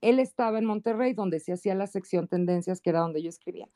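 Telling stories as a podcast guest, a columnist with a Mexican accent talks fast and keeps things lively. She often shifts into high, put-on voices to quote others in the casual conversation.

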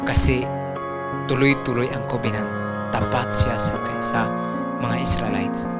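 A man's voice: medium pitch, steady tone, unhurried, over loud music. A male pastor preaching a sermon with rising emphasis, mixing in English phrases.

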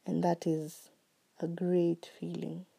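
This podcast host delivers a reflective solo monologue about gratitude while her voice recovers from sickness. It's fairly low and completely flat, with a creaky, breathy edge, and she talks slowly and earnestly with soft trailing phrases.

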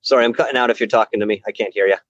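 A man's voice: on the low side, fairly even intonation, rapid-fire, fairly bright tone, dry recording. A man joining a casual live stream chat as a guest over a bad call connection that keeps cutting out, giving brief, agreeable replies. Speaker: guest, paranormal show host. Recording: muffled, dry video call line.

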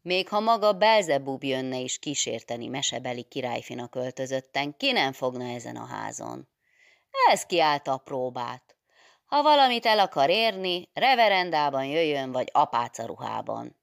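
A jovial old priest-teacher makes sly, mocking remarks in a loud, low voice, as a woman reads his part. His voice has a gravelly grain. The recording is close and dry. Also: expressive, dry recording, full character voice. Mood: teasing. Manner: teasing, mocking, good-humoured.

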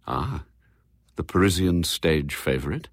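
A man voicing a calm, mysterious gentleman who speaks in a measured, understated way in a storybook reading. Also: rumbling low, dry recording, studio quality, voice pushed down, full character voice.

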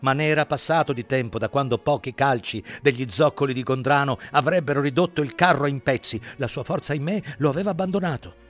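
A man narrating an audiobook in a dramatic, measured way. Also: mid-range voice. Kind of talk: scripted narration.

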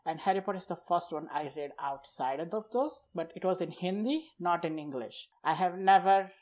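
A high-sitting, darkish male voice at a moderate pace belongs to a podcast guest with an Indian accent whose mother tongue is Gujarati. Chatting casually, he runs through lists and explanations in brief, often unfinished phrases.

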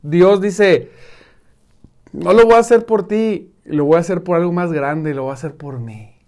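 A male preacher giving a sermon to an online congregation, emphatic, repeating words and dropping to soft, intense tones. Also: high voice, a little slow.

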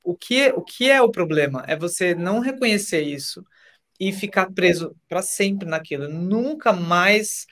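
A man speaking in a soft, reflective way on a podcast. He talks at an unhurried pace and draws out the key phrases, with the calm manner of someone explaining feelings. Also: high voice. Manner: gentle, slows down on key phrases and acts out quoted voices. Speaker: podcast guest. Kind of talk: reflective conversation on emotions. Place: podcast studio.

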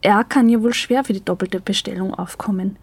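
A woman voicing a sharp-tongued young woman scolding her flatmate in an audio story. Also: mid-range voice, brisk, slightly rough. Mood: indignant.

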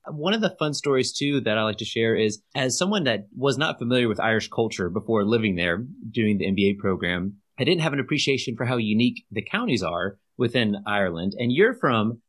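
A man's voice: on the low side, lively intonation, brisk, hardly any pauses, a bit bright. A man speaking conversationally as an interviewer, in articulate, orderly phrases.

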